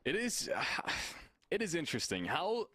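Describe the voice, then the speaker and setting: A man's voice: on the high side, huge pitch swings, a little slow, fairly bright tone, no echo. A man giving live esports color commentary, analytical, often restarting and repeating words as he thinks. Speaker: esports caster.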